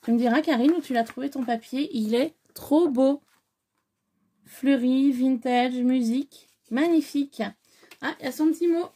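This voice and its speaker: A woman's voice: high voice, normal speed, dark tone. A woman chatting casually to camera as she unpacks a parcel, effusive and full of hesitant fillers. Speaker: scrapbooking vlogger. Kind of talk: casual unboxing chat.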